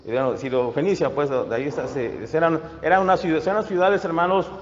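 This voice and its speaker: A man's voice: a little high, fairly even intonation. Male pastor, stop-start preaching full of fillers, roomy reverb, dull sound. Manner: halting, many fillers and restarts. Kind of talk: sermon. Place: church. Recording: echoey hall, dull lo-fi sound.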